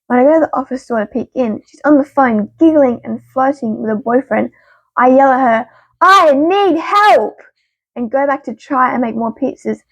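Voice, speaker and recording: A woman reading stories aloud as the channel's narrator, expressive and punchy with quick asides. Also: fairly high pitch, vocal fry, slightly rough, dry recording, poor audio. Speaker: story reader.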